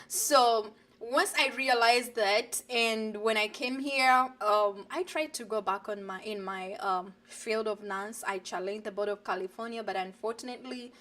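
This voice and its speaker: Woman, earnest and animated. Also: fairly high pitch. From Uganda. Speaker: guest, digital business coach. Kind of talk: live online interview. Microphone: video call.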